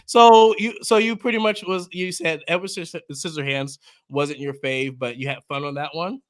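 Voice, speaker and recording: Male host, high voice, playful and excitable, big reactions. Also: moderate pace. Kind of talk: casual live interview.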